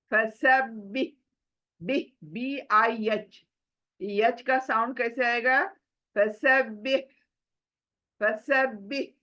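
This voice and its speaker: A woman teaching Quran recitation rules slowly, drawing out syllables and answering her own questions. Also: sits high, sharp tone. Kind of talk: slow tajweed lesson, spoken and recited.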